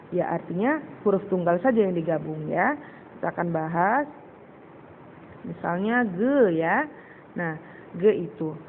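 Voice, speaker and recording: Woman teacher on a tinny recording. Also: mid-range voice. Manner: patient, repeats and spells out syllables slowly; addresses pupils as "Nak". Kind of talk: recorded lesson for children. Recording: tinny phone-like recording with faint hiss.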